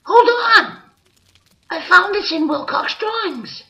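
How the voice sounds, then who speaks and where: An actor voicing a small, earnest, naive monkey adventurer with a squeaky voice, in old-time radio drama style. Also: animated, takes it slowly, vocal fry, sharp tone, heavily acted. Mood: determined.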